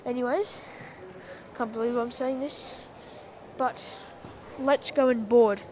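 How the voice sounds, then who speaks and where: A woman's voice: fairly high pitch, fairly even intonation, slow, a little mellow, slight background noise. A woman giving casual travel vlog commentary with dry, sarcastic asides, recorded on a handheld camera. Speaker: travel vlogger. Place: airport terminal and plane cabin.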